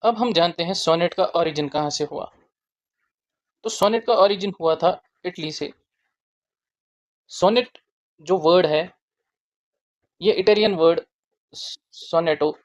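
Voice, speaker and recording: Teacher giving a slow, deliberate literature lesson. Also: mid-range voice, lo-fi sound. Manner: slow, deliberate, spells out terms word by word.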